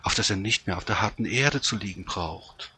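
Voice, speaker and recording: A man's voice: fairly low pitch, moderate pace, slight background noise. A man doing a fawning, sly fox. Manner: wheedling, flattering, sing-song. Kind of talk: storybook reading.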